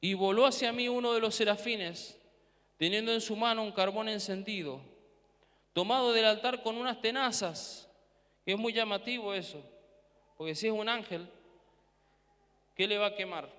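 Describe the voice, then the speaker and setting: A man preaching a sermon and reading scripture in a theatrical, declamatory way with dramatic pauses, in an echoey hall. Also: high voice, a bit bright. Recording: echoey hall with long reverb.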